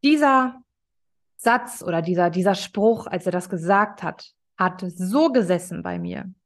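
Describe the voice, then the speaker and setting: A woman's voice: on the low side, expressive, measured pace. A woman hosting a solo podcast, talking emphatically and bluntly, with many rhetorical questions and some swearing. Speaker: podcast host. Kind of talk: impassioned solo podcast monologue.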